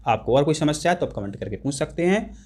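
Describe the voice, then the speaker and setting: A man's voice: fairly high pitch, big pitch swings, fast talker, a little mellow. A man teaching an exam-prep lesson, explaining English grammar to students and repeating and stressing key points.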